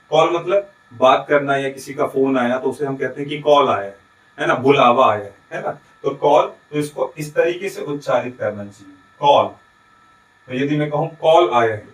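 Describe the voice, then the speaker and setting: A man teaching a recorded lesson in a Chhattisgarhi Hindi accent, his voice sitting a bit higher than most men's. He explains step by step, asks questions and answers them himself, and keeps checking in with his students. The room around him echoes. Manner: adds frequent checking tags.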